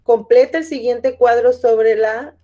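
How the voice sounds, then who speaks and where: A woman teacher speaks slowly and deliberately, going over the same points again and again so her students follow. Her voice sits somewhat high. The audio comes through dull and lo-fi, as over a video call. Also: mellow. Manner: patient, repeats instructions, addresses students by name. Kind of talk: online class instructions.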